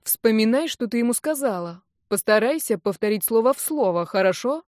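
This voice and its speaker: A brash young male elf, loud, urgent and quick to scold but protective, as a woman narrator voices him. The sound is close and dry, with no room around it. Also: on the high side, lively intonation, no room sound, close to an everyday voice. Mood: coaxing.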